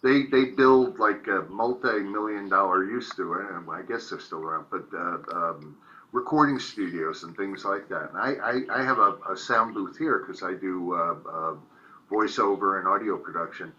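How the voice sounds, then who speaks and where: Bright-voiced joking man, lo-fi. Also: sits low, normal speed, slight background noise. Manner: joking, rambling. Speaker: voice actor, co-host. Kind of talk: casual podcast chat.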